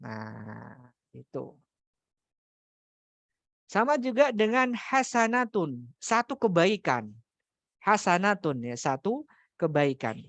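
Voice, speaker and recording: A man's voice: high-pitched, big pitch swings, slow pace, creaky, long pauses, fairly bright tone, dry recording. Male grammar teacher, dry sound. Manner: explains step by step, repeats key terms, asks rhetorical questions. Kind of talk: religious study class lecture.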